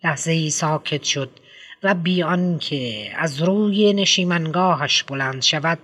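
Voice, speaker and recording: A man narrating a literary audiobook in the first person, in a measured, subdued way. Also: on the high side, fairly bright tone.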